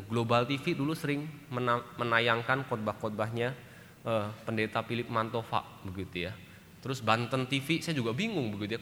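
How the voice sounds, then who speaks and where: A man preaching a sermon to a congregation, telling a story with lively shifts and acting out the voices of the people in it. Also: mid-range voice, a little hiss or hum. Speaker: pastor. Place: church sanctuary. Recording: church hall reverb with faint ambience.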